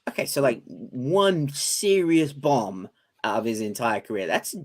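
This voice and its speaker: A man's voice: mid-range voice, big pitch swings, measured pace. Enthusiastic British man on a podcast. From Britain. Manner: enthusiastic, swears casually. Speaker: co-host. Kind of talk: casual podcast debate.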